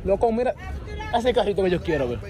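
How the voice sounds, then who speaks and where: A man's voice: sits high, very animated, fast, warm tone. A young man, vlogging and teasing friends in slangy, joking banter outdoors, filmed on a handheld phone. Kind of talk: casual street vlog banter. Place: outdoors at a school field day on a city street. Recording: crowded outdoor street noise. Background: crowd chatter and passing traffic.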